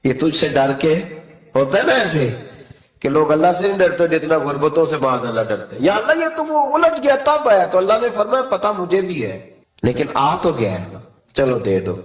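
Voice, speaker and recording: Male preacher, passionate sermon delivery swinging soft to loud, fairly high voice, roomy echo. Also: sing-song. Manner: impassioned, swings from soft pleading to high emphatic cries. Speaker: Islamic preacher.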